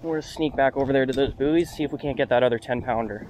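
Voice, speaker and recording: A man's voice: medium pitch, quick pace, darkish tone. A young man in a casual vlog, narrating to an action camera while he fishes from a small open boat. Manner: upbeat, talks to the camera while working the line. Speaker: fishing vlogger. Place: open flats boat on the water outdoors. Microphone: action camera mounted on the boat. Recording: wind and boat noise outdoors.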